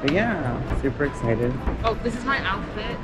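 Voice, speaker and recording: A woman's voice: on the low side, sing-song, moderate pace. A woman vlogger chatting casually and bluntly while talking through a face mask. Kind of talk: casual vlog chat. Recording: roomy echo from off-mic, music behind.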